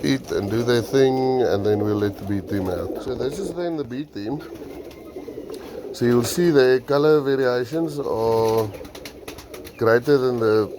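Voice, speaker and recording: A man with a mid-range voice and a South African accent, a native Afrikaans speaker, talks a little slowly. He's a pigeon keeper presenting his own casual vlog, explaining things off the cuff and unscripted while tending his birds. The recording is noisy, with pigeons cooing nearby and clear background noise.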